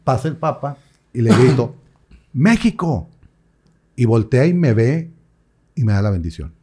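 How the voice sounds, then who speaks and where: A young adult priest chats casually in an interview. His voice is mellow and warm, pitched in a middle range, and he tells stories with lively quoted voices. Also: normal speed, slightly rough. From Mexico. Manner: animated storyteller, acts out quoted voices.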